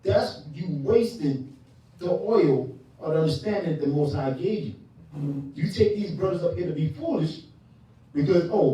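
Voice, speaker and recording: A man teaching scripture in a call-and-response style, pressing the class with questions and repeating key words. His voice is mellow and somewhat high, and it sounds distant in a very echoey hall. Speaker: teacher leading Bible class. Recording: echoey room from far off.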